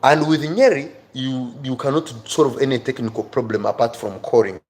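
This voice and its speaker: A man with an East African accent and a mid-range, slightly mellow voice teaches an informal live-stream English class at normal speed. He emphatically repeats key words and phrases and addresses viewers by name.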